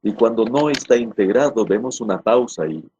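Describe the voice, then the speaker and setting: A man's voice: on the low side, expressive, a little mellow, muffled recording, a little hiss or hum. A middle-aged man teaching a recorded grammar lesson, repeating and rephrasing his points and checking often that his students follow. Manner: deliberate, stresses key words.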